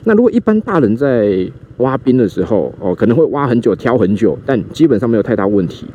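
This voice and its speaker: A lively, fast-talking Taiwanese podcast host with a Taiwanese Mandarin accent and a medium-pitched voice tells stories casually while riding a scooter through city traffic. He's animated and acts out quoted voices, and the muffled recording carries faint street and vehicle noise.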